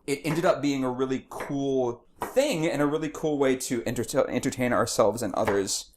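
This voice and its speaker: A man's voice: medium pitch, normal speed. A man co-hosting a casual podcast while cooking, talking in a playful, jokey way. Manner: playful, jokey, slips into silly voices. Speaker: podcast co-host. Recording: faint background noise, home kitchen.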